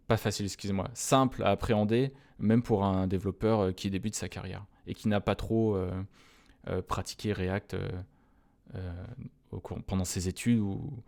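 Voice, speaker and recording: A man teaching a screencast coding lesson, talking in a relaxed, chatty way straight to his viewers and pausing often on "euh" fillers and restarts. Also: deep voice. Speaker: web developer teaching a coding tutorial.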